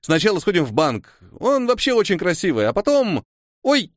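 Guy putting on a hyper cheerful boy, clumsy, talks high and bouncy, storybook voice. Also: huge pitch swings, normal speed, no echo, clean studio sound. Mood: excited. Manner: bouncy, exclaiming, high-pitched.

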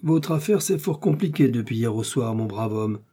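A man's voice: mid-range voice, expressive, normal speed, warm tone, breathy edge. A man voicing a stern, suspicious police commissioner who interrogates in a storybook reading.

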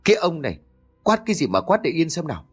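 A man reading a storybook, voicing a sharp-tongued elderly grandmother scolding her husband. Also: fairly high pitch, sing-song, fast, husky, faint music behind, voice pushed up. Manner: scolding, snapping.

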